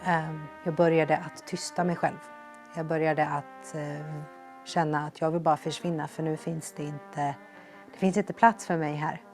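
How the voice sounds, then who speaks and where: Earnest low-voiced woman telling her story. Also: steady tone, a little mellow, soft background music. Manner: earnest, reflective, re-enacts quoted lines with lifted energy. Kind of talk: personal storytelling testimony.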